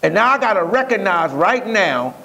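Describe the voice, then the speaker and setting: A man's voice: high voice, sing-song, moderate pace, gravelly, bright, forceful tone. A male pastor preaching a sermon in a conversational, repetitive way, often restarting his sentences.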